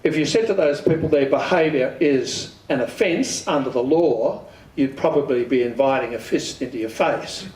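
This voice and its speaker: Speaking at normal speed in a medium, somewhat dark voice, the amateur radio club presenter, a straightforward Australian, delivers a relaxed instructional talk full of self-answered questions. He's in an echoey community hall, picked up by a distant microphone.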